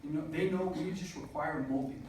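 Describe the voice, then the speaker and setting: Recorded from far away in a noisy, echoing hall, this is a man in his twenties giving an earnest motivational talk at a student business event. His voice is slightly high and darkish, a little fast, with "uh" fillers throughout.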